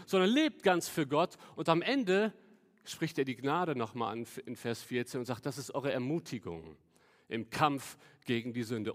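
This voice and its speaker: Man, pastor preaching, earnest explaining tone, slightly high voice, long echoing hall reverb. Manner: earnest, explanatory preaching with emphatic slow quotes. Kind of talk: sermon.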